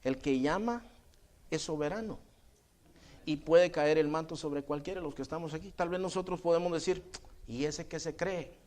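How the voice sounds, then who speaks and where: A man's voice: on the high side, moderate pace, darkish tone. A male pastor, preaching a sermon in a conversational tone and often calling listeners brother. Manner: acts out quoted voices in dialogue.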